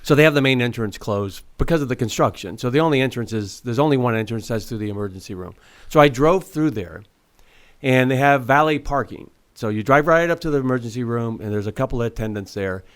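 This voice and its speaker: A man co-hosting a casual talk radio show. His voice is mid-pitched for a man. He tells stories in a halting way, with restarts and frequent chuckles. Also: lively intonation, clean tone. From Florida. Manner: hesitant, many fillers and restarts, chuckles often. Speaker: radio co-host.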